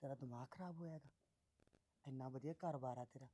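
A man's voice: medium pitch, fairly quick, mellow, dry recording, lightly acted. An actor playing a patient middle-aged father who soothes and coaxes his married daughter to stay with her in-laws. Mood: coaxing. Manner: soothing, coaxing.

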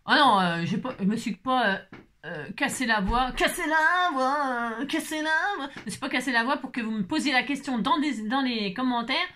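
A woman from France chats away to her crafting viewers, rambling and teasing herself as she goes. Her voice is bright and forward and sits a little high, and she slips into humming and bits of song now and then. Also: animated, fairly quick. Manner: chatty, rambling, self-mocking, hums and sings snatches. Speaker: craft channel host. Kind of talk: casual chat to viewers.

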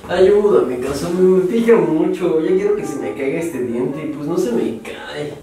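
A man's voice: a little high, animated, moderate pace, warm tone, faint music behind. A young man with a Mexican accent acting a naive, timid, whiny friend in a web comedy sketch. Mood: naive complaining. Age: young adult. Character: naive, whiny, timid eighteen-year-old male friend. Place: indoors in a bare, hard-walled house room. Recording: very echoey room, distant mic.

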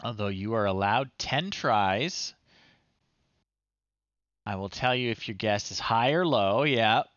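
Recorded close and dry in a small room at home, the sound slightly dull, a man in his thirties speaks in a fairly low, animated voice at a slow pace with a fairly bright tone. As streamer and host of a retro game show, he commentates casually, reading text off the screen with amused asides.

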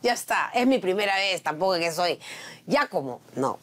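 A woman competing on a cooking show, talking in an excited, energetic way. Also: fairly low pitch, normal speed, noisy background. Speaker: celebrity contestant.

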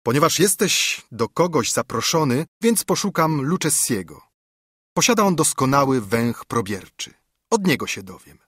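A tipsy, eager Italian nobleman, proud of his wine palate and dismissive of any warning, as an audiobook narrator puts him on. His voice rides higher than the narrator's and has a husky edge. The sound is dry and close. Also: sing-song, normal speed, fairly bright tone, no echo.

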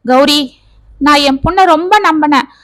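A woman's voice: high voice, normal speed, a bit bright, no echo. Anxious, pleading middle-aged father, read by a woman narrator; family storybook voice, dry close recording. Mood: distraught. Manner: pleading, worried.

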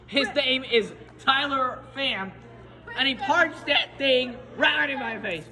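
A man's voice: very high voice, takes it slowly, over music. A teenage boy vlogging with a phone at arm's length in an outdoor school walkway, rambling playfully in a mock-grumpy improvised role. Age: teens. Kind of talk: goofy improvised role-play. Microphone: phone held at arm's length.

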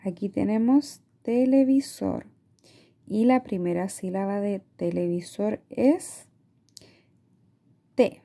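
A woman teacher with a Chilean Spanish accent, explaining a reading lesson to parents in a slow, patient way, stretching out words and checking in with "¿ya?". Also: mid-range voice, vocal fry, dark tone. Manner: asks "¿ya?" often.

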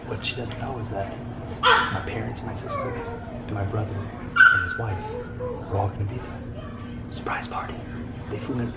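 An American man in a hushed, confiding whisper, making a secretive vlog aside in a noisy room. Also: on the low side, creaky, reverberant. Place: home kitchen, indoors.

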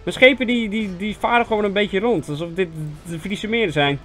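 A young Dutch man giving casual, self-mocking commentary on a strategy game, chatty with sudden excited yelps. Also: high voice, brisk. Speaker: gaming video host. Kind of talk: casual let's-play commentary. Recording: faint game music behind voice.

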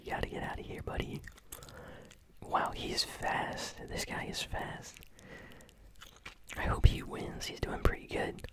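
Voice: measured pace, long pauses. Whispering gamer chewing gum. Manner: whispering throughout; chewing gum while talking. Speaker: gaming channel host. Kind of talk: whispered ASMR gameplay commentary.

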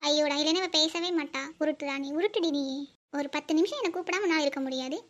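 A bossy young elder sister in a cartoon, voiced by a woman, scolding in a very high, squeaky voice. She rattles off her complaints quickly and bickers without pause. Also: fairly bright tone, dull audio. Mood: grumbling. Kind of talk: cartoon voice acting.

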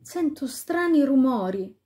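A woman voicing a frightened young girl calling back from the woods in a high voice. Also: animated, unhurried, dark tone. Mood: plaintive.

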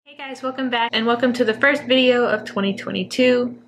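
Hosting a music reaction video, a woman talks casually and effusively to the camera, rambling with fillers and restarts. Her voice is a little high and a little fast, with slight background noise.

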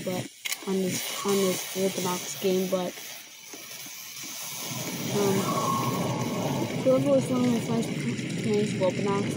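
Woman, gameplay commentary, chatty reactions, heavy background noise. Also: medium pitch. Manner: chatty, reacting out loud to the game.

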